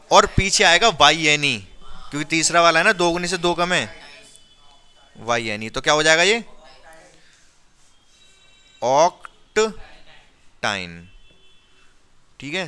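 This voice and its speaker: A male teacher leads a classroom chemistry lesson with a bright, crisp voice pitched a little high. He walks students through each step, asking questions and checking again and again that they understand. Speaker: science teacher.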